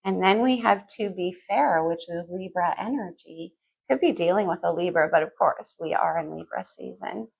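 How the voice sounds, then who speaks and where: A woman's voice: lowish voice, normal speed, gravelly, a little mellow, breathy edge. A woman astrologer giving a casual tarot reading, musing aloud to the listener, her speech slightly muffled. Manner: conversational, musing aloud, addressing the listener directly.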